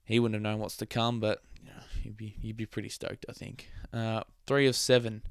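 Chatty man with a gravelly voice. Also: on the low side, flat delivery, fairly quick, no room sound. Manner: chatty, laughs often, trails off. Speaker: podcast host. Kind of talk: casual motorsport commentary.

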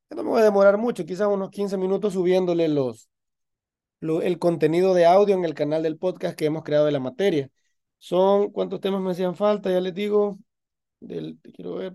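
High-voiced man teaching an online class. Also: steady tone, normal speed, gravelly, warm tone. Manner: explanatory, encouraging, many restarts. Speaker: university instructor.

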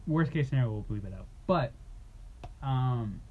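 A man's voice: medium pitch, lively intonation, normal speed. Guy chatting on a podcast, rambly and sweary, kinda muffled with some hiss. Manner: rambling, many restarts and swearing. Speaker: podcast co-host. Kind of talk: casual chat. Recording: dull lo-fi sound with faint noise.

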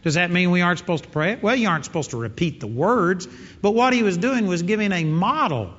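A man's voice: high-pitched, animated, fast talker, fairly bright tone. A man preaching a sermon in an earnest, emphatic way, repeating his key phrases. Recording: dull sound in a reverberant hall.

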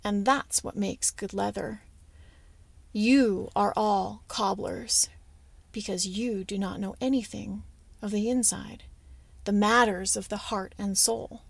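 A humble, bent sage speaks in a calm, measured way, as a woman storyteller puts him on. He takes his time, and there is a slight gravel to the voice. It sounds close and dry, like a storybook read aloud. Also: medium pitch, dry recording, exaggerated voice.

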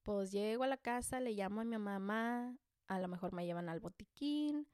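A woman's voice: medium pitch, moderate pace, darkish tone, clean tone, no room sound, studio quality. A woman with a Mexican accent, a mother telling a personal story to camera in a casual, joking and self-deprecating way, full of slang.

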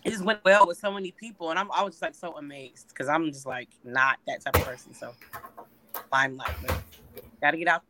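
A woman's voice: low-pitched, brisk, very noisy. A middle-aged woman talking casually as an interview guest over a video call, her audio breaking up and cutting off word endings while she rambles and restarts her sentences. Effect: choppy video-call audio, cutting out mid-word. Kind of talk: casual chat.

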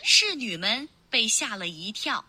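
A woman narrating a children's storybook in a clear, expressive, unhurried way. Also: on the high side.

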